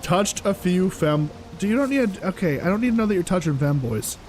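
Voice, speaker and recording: A young male streamer talks to his chat while he plays, his voice set high and swinging widely as he rambles in exasperation, padding his talk with fillers. Soft game music plays underneath him. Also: lively intonation, a little fast, rough recording. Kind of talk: casual live-stream chat while playing.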